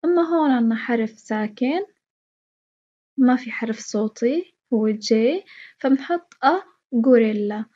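Levantine woman teaching English, slightly high. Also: mellow, dull audio. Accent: Levantine Arabic. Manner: explains step by step, repeating English words with Arabic meanings and praising students. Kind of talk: classroom lesson explanation.

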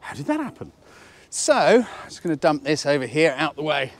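A British photography instructor and presenter in his fifties, squeaky-voiced from a cold, chats casually and jokily to camera while teaching outdoors at a waterside harbour slipway. He often asks rhetorical questions, and his delivery is sing-song at a normal speed.

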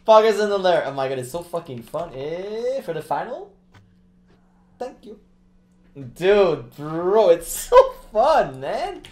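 A woman streaming a game, commenting live with loud excited bursts, frequent laughter and profane slangy chatter. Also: on the low side, takes it slowly. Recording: roomy echo with faint keyboard typing.

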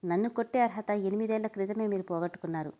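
A woman's voice: medium pitch, racing, dark tone, natural voice. A woman voicing a defiant, bitter young man who answers in clipped, scornful retorts.

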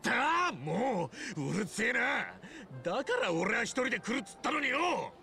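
An actor playing an impatient, hot-headed gangster hero in a video game, with rough, blunt, slangy speech. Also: male voice, extremely high pitch, sing-song, normal speed, sharp tone, soft background music, exaggerated voice. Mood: irritated. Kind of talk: video game drama acting.

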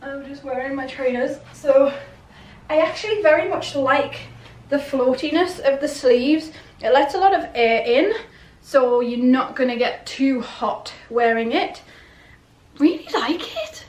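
A woman's voice: high voice, lively intonation, unhurried. A middle-aged woman chatting casually and rambling a little, asking herself questions, as in a clothing haul vlog. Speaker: vlogger. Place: small bedroom, indoors. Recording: roomy bedroom echo.

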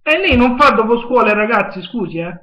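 Very high-pitched southern Italian man, pleading. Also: expressive, brisk, pushed and bright. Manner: pleading, hesitant, insistent. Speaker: prank caller. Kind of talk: improvised phone prank chat. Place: small home kitchen, indoors. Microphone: webcam at arm's length. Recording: dull webcam sound, echoey room.

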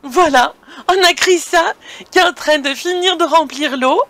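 A woman in a camper van, moving or parked, casually narrates a vlog, speaking chattily to her viewers. Her high voice is unhurried with a fairly bright tone, and there's no room sound, though engine and road noise come through.

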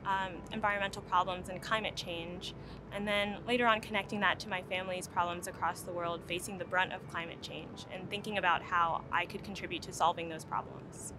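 A woman's voice: mid-range voice, a little fast, noisy background. A young woman from Cameroon who studies materials science, speaking thoughtfully outdoors. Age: young adult. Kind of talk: interview testimonial. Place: outdoors among tall grasses.

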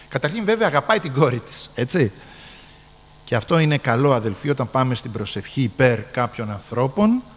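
A man's voice: mid-range voice, long reverb tail. A man preaching a sermon emphatically, repeating his phrases and often addressing the brethren.

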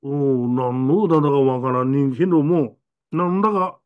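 A man voicing a rural boy who speaks in an Aomori dialect, telling his story slowly and earnestly. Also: medium pitch, clean tone, phone-quality sound, natural voice. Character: rural boy transfer student, plain-spoken.

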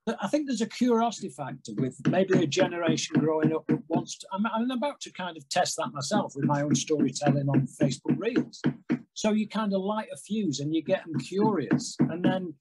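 A man in his sixties from England, a music industry guest telling stories in a rambling, animated way on a video call from home. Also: high voice, fairly quick, rough recording. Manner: animated, rambling storyteller with big hand gestures. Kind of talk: casual interview chat. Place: home room with framed records on wall.

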